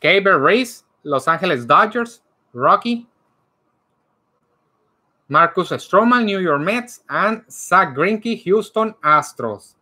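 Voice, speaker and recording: A man hosting a card break, announcing each card by player and team in a slow, animated way. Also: high voice. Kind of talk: calling out cards during a live card break. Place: indoor room lined with card displays.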